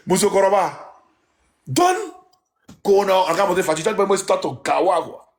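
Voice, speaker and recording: This is a man with an Ivorian French accent hosting a casual live stream. His voice sits a bit high, and he teases callers and says the same thing over and over. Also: normal speed, pauses often. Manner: teasing, repeats himself. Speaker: livestream host.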